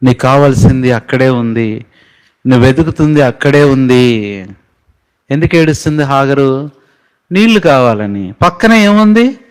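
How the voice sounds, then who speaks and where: A man's voice: mid-range voice, lively intonation, moderate pace, pauses often, clean tone, low-quality recording. A man preaching a sermon, firing off emphatic rising questions and sometimes singing a hymn line. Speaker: pastor.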